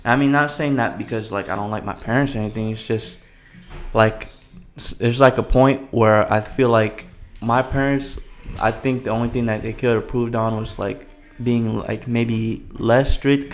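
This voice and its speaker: A young adult man chatting casually as a podcast co-host, full of slang and swearing, with a gravelly voice. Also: mid-range voice, fairly even intonation, moderate pace.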